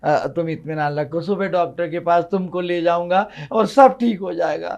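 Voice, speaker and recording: A man's voice: sits high, gravelly, darkish tone. A man with a Hyderabadi accent voicing a harried, patient husband who keeps soothing his sick wife. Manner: soothing, hurried.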